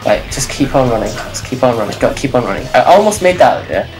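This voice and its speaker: A woman's voice: very deep voice, animated, fast talker, rough recording. A woman casually commenting on a video game, rambling and correcting herself as she goes. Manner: rambling, self-correcting, chatty. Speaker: let's play commentator. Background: faint game music.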